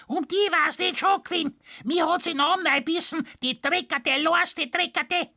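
A shrill Bavarian farmwife. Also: female voice, normal speed, pushed and bright. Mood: furious. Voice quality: shrill, screeching. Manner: indignant, abusive outbursts.

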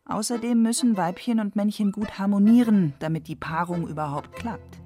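A woman's voice: medium pitch, moderate pace, mellow, soft background music. A woman reading scripted narration in the manner of a documentary.

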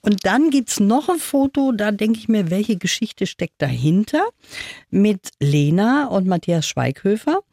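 Woman interviewer, medium pitch, chatty and informal, very dry close sound. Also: sing-song, a little slow, creaky, warm tone, no echo. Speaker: interview host. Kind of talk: casual interview chat.

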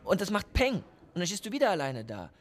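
In a radio play, an actor voices a cynical man who calls himself a professional of love, lecturing sardonically and swinging between hushed asides and emphatic bursts. His voice is high, a little fast, with huge pitch swings.

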